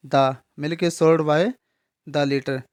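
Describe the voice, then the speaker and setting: Smooth-voiced man teaching grammar. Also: a little high, steady tone, a little mellow. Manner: explains patiently, repeats words and asks "ठीक है?"; spells words out slowly letter by letter. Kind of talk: classroom grammar lesson.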